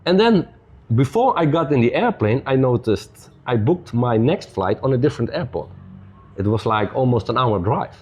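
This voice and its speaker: A man speaking as a podcast guest whose pitch rises and falls in lively swings as he tells a story. His English is loose and non-native, peppered with "you know," and his manner stays easygoing and upbeat. He is a middle-pitched, casual storyteller. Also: normal speed, highs cut off, a little hiss or hum.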